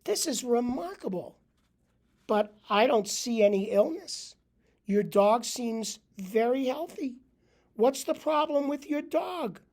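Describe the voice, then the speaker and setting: Man playing a measured, puzzled vet, slightly raised voice, everyday delivery. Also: very high voice, expressive, darkish tone, voice pushed up, heavily acted. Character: calm, puzzled male veterinarian.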